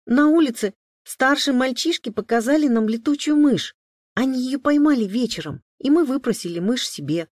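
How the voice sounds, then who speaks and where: A man's voice: very high voice, expressive, normal speed, no room sound, clean studio sound, voice pushed up. A man voicing a timid young boy in an audiobook, who stammers and hesitates as he confesses. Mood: confessing.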